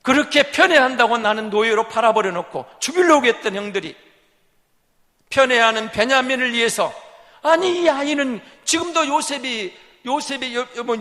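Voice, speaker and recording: A male pastor preaching a sermon, dramatic and swinging between whispers and loud exclamations. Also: very high voice, big-room sound. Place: church sanctuary.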